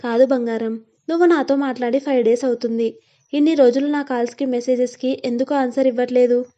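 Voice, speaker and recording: A woman's voice: high-pitched, steady tone, a little fast, dark tone, highs cut off, natural voice. A woman voicing a young man, a playful and devoted fiancé who teases affectionately, in a storybook reading. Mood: playful, doting.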